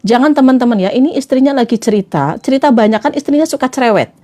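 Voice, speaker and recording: A woman's voice: sits high, expressive, quick pace, mellow. A woman trainer giving a playful, chatty motivational talk to a live audience, acting out little scenes as she goes.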